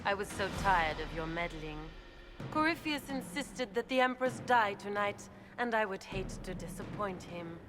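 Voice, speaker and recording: Haughty, smug noble villainess, played by an actress. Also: female voice, medium pitch, expressive, moderate pace, over music, close to an everyday voice. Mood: smug, taunting. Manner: silky, condescending, theatrical. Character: haughty, smug aristocratic villainess, zealous schemer. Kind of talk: video game dialogue acting.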